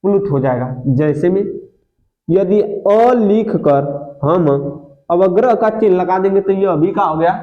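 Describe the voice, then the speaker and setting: A man's voice: high voice, a little slow. A man teaching a grammar lesson for exam students, asking questions and answering them himself, and stretching vowels to demonstrate them. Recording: dull lo-fi audio in an echoey room.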